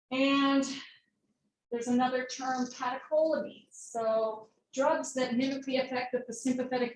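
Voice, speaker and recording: A woman's voice: sits high, slight background noise. A woman teaching a nursing pharmacology class, talking casually with lots of fillers and little asides. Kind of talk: classroom lecture. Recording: roomy classroom audio from far off.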